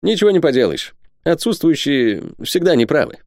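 A man's voice: on the high side, very animated, normal speed, a little mellow, no room sound, studio quality, pitched above the performer's own voice. A man voicing a hearty middle-aged army major in a storybook reading, exclaiming in a raised voice. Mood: consoling.

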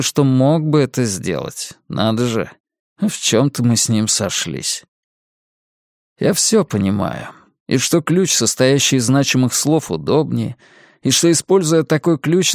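A man narrating a first-person audiobook in a slow, wry storytelling manner. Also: medium pitch, creaky, darkish tone, no room sound, clean studio sound.

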